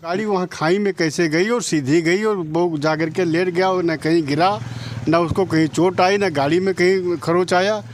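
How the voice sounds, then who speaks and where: A middle-aged man from Uttar Pradesh, India, a relative of the victim, gives interview testimony in a high-pitched voice with fairly even intonation at normal speed. He argues insistently point by point and repeats his claims, with a little hiss or hum in the audio.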